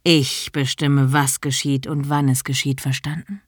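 A woman's voice: a bass voice, flat delivery, measured pace, breathy edge, dry recording, studio quality, full character voice. A woman reading the lines of a dominant, commanding man in curt, bossy orders, in an audiobook.

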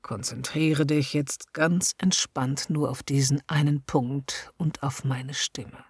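Woman voicing a male hypnotist, smooth and persuasive, low-pitched, breathy, hushed coaxing delivery. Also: fairly even intonation, dry recording, studio quality, exaggerated voice. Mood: hypnotic soothing. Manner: slow, soft and coaxing, often near a whisper.

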